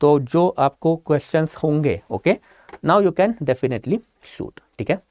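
A man's voice: on the high side, expressive, slow pace, darkish tone, no room sound, studio quality. A man teaching an online exam-prep lecture, explaining step by step and often checking that students follow. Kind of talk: online lecture mixing Hindi and English.

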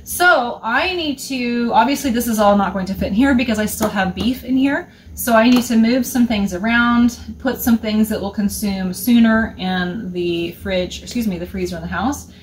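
A woman's voice: on the high side, moderate pace, few pauses, slight background noise. A woman in her thirties chatting casually as she walks through her homestead rooms, explaining things step by step. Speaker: homesteader vlogger. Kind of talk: casual show-and-tell. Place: small indoor utility room.

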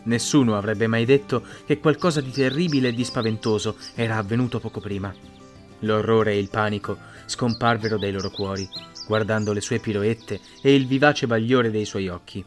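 A man reading a fantasy story aloud in measured, expressive audiobook narration. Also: fairly low pitch, faint music behind.

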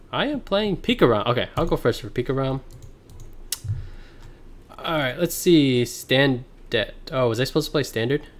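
A man's voice: medium pitch, a bit bright. Man streaming over headset mic audio. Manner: thinks aloud, reads card text, chats with viewers. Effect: livestream headset audio. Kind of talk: casual gameplay commentary. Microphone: livestream headset mic.

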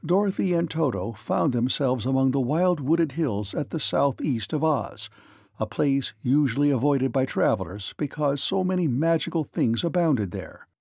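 A man narrating a children's read-along storybook in an expressive, lilting manner. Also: medium pitch, moderate pace, creaky, husky, no room sound, clean studio sound.

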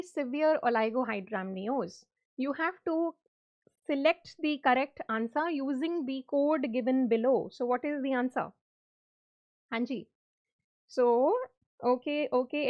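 Female lecturer, North Indian accent, high voice, instructive and repetitive as she leads a live quiz; muffled lo-fi recording. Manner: instructive, repeats points, checks in with students. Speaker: medical exam teacher hosting a live quiz. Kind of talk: interactive online lecture mixing English and Hindi.

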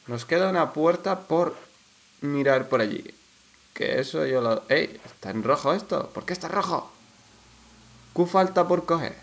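A man with a Canary Islands Spanish accent giving casual, excitable commentary while playing a horror game, swearing and shouting at the enemies. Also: on the high side, measured pace. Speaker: let's play gamer.

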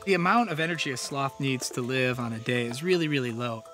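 A man's voice: medium pitch, quick pace, fairly bright tone, faint music behind. A male researcher explaining things plainly in an interview out in the field. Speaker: research scientist. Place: outdoors in rainforest.

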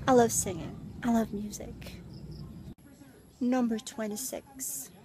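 Her voice sits a little high and she takes things slowly, against a noisy background. She's a young adult vlogger from the Philippines, recording outdoors among trees on a phone at arm's length with earphones. With giggles and teasing asides, she casually runs through facts about herself.

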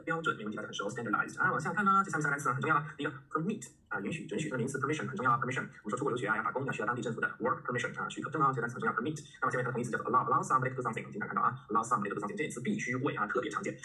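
Male teacher, rapid-fire lecture delivery, bright edge to the voice, playful. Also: mid-range voice, poor audio. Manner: animated, joking, spells words letter by letter. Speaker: English vocabulary teacher. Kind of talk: recorded lecture.

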